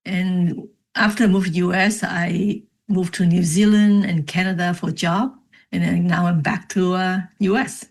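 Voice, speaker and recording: Gravelly-voiced woman from Cambodia. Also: fairly low pitch, fairly even intonation, normal speed. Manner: reflective, storytelling with frequent fillers. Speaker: author and podcast guest. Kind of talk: casual conversational interview.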